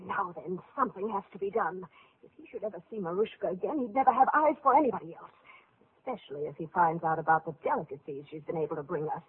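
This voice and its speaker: A woman's voice: mid-range voice, lively intonation, normal speed, breathy edge. An actress playing a scheming, cruel middle-aged stepmother in a vintage radio play, theatrical and menacing. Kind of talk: 1940s radio acting. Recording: tinny old radio broadcast.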